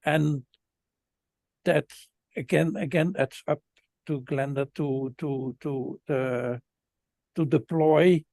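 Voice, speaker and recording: Halting, slow, creaky-voiced man. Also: a little high, steady tone, mellow, no room sound. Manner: halting, repeats words while searching for phrasing. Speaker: spiritual guest speaker. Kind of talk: unscripted spiritual talk.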